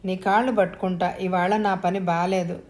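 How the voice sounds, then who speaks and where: A woman's voice: on the low side, level tone, normal speed, darkish tone, natural voice. A woman voicing a poor, proud young working woman in an audio story, speaking tensely and earnestly. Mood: pleading. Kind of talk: audiobook dialogue.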